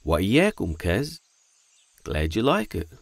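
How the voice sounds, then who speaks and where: A man voicing a calm, caring male cartoon friend who gives soft-spoken advice. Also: low voice, moderate pace, gravelly, dry recording, full character voice. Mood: advising. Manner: gentle, advising, soft-spoken. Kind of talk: animated children's cartoon acting.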